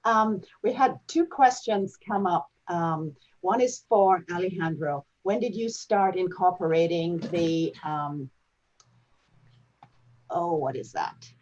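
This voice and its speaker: A woman's voice: on the low side, lively intonation, slow, darkish tone. A woman hosting and informally moderating an online discussion, recorded over an internet call. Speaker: host, moderator. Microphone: online video call. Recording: dull, lo-fi online call audio.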